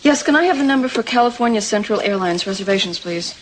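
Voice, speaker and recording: A woman's voice: medium pitch, lively intonation, fast, a little hiss or hum, close to an everyday voice, low-quality recording. An actress playing an anxious, proud young pregnant woman in a 1980s soap opera, talking hesitantly with stumbling restarts. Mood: anxious, defensive.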